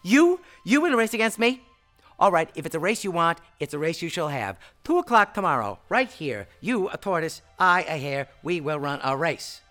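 Man doing a bragging storybook hare, high, loud, and quick. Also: sing-song, soft background music. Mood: mocking. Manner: mocking, fast and bragging. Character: boastful teasing male hare, quick and cocky.

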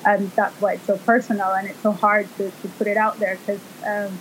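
Female designer guest, from El Salvador, 30s, thoughtful and halting, mid pitch. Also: level tone, a little hiss or hum, rough recording. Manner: thoughtful, hesitant, many fillers. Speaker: fashion and textile designer, guest. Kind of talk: casual interview talk.

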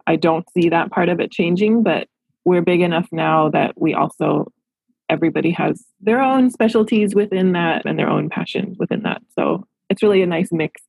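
A woman in her thirties speaks as a therapist in an interview, reflective and earnest. Her voice is low-pitched and husky, with a gravelly edge. The recording is dry and close. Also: normal speed, darkish tone, dry recording, rough recording. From Los Angeles. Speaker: therapist and practice owner. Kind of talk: podcast interview answers.

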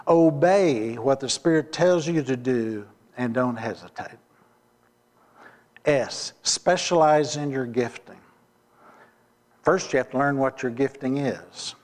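Slow-preaching pastor in a reverberant church. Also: male voice, mid-range voice, darkish tone. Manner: slow, deliberate preaching with rhetorical questions. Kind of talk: sermon. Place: church sanctuary. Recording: long reverb of a church hall.

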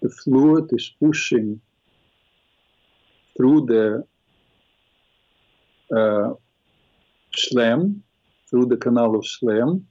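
A man's voice: mid-range voice, mellow. A man hosting a live call-in, instructively guiding a visualization exercise and often repeating his phrases. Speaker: host guiding a caller through an imagery exercise. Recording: dull lo-fi call audio.

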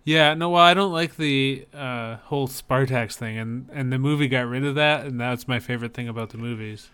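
A man co-hosts a podcast and chats casually about films in a relaxed, conversational way. His voice is medium-pitched, smooth, and sharp in tone, and his pace is moderate.

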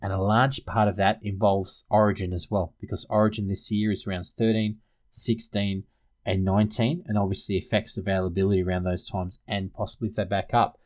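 Speaking a bit briskly in a lowish, slightly mellow voice with little pitch movement, an Australian man co-hosts a sports podcast. The talk is casual fantasy rugby league, and his informal, chatty manner includes calling his co-hosts "guys."

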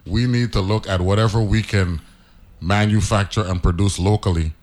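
A man's voice: lowish voice, steady tone, moderate pace, a little mellow. A man with a Crucian accent hosting a casual radio talk show, chatty and playful, often repeating his words. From St. Croix, US Virgin Islands.

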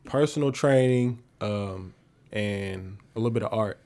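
A man guesting on a podcast, talking about his videography work in a relaxed way and acting out what people said to him. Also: fairly low pitch, measured pace. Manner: relaxed, acts out quoted dialogue. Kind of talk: casual podcast chat.

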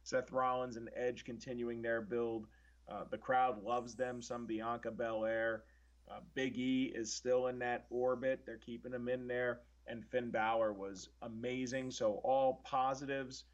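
A man of ordinary pitch gives his earnest, analytical take on the week's wrestling. He stumbles and restarts as he thinks aloud. His audio is somewhat dull and lo-fi. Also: little pitch movement, unhurried. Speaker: podcast co-host. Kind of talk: casual wrestling review chat.

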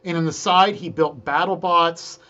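A man telling stories from his engineering career in a casual conversation, lively and quick to act out the people he quotes. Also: fairly high pitch, lo-fi sound. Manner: animated storyteller, quick to quote himself and others. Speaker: guest engineer.

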